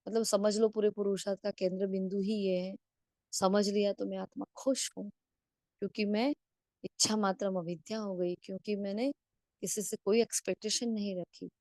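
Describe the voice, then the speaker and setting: A spiritual class teacher, a woman with a medium-pitched, warm voice, gives a discourse on a video call, posing rhetorical questions and checking in with frequent tag questions. The recording is dry and studio quality.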